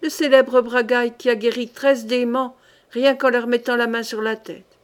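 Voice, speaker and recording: A boastful man disguised as a monk announces himself grandly in a storybook reading, voiced by a woman reader. The voice sits fairly high. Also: level tone, normal speed, natural voice.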